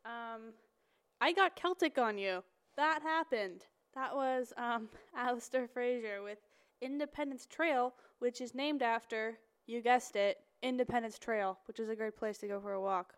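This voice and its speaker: A woman's voice: a little high, unhurried, clean tone. An eighteen-year-old woman from Northern California, a college radio DJ, chatting casually between songs in a rambling, playful way, full of fillers. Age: 18, young adult. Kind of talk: casual late-night radio chat.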